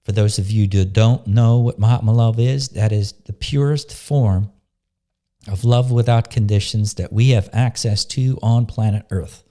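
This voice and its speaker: A man leading a guided meditation, talking slowly and softly in an unhurried, calm way, pausing and restarting phrases. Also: lowish voice. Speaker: spiritual teacher leading a meditation. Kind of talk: slow, soft-spoken guided meditation talk.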